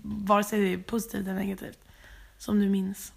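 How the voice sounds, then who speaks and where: A woman's voice: medium pitch, completely flat delivery, vocal fry. A young woman in casual chat, asking questions and telling a travel story, often dropping in English words. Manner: chatty, drops English words, many filler "typ".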